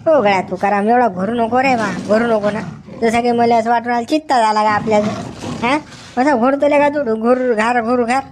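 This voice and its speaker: A man's voice: very high-pitched, fairly quick, noisy background. A man with a Varhadi Marathi accent playing a quarrelsome village farmhand in a comedy sketch, talking in rustic banter. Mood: grumbling. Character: bickering sleepy village farmhand, male. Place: outdoors in a village field.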